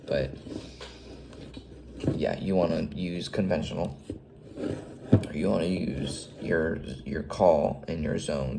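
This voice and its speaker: Hesitant male dispatcher, very deep fry-heavy voice, noisy recording with radio beeps. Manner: hesitant, frequent ums and restarts. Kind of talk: casual how-to tutorial.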